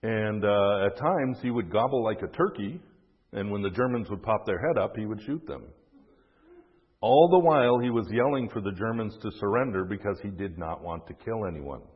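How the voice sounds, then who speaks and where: Husky low-voiced man telling history. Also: lively intonation, moderate pace. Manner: casual, self-deprecating asides with fillers. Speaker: history storyteller. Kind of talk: casual history narration. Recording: dull, echoey recording.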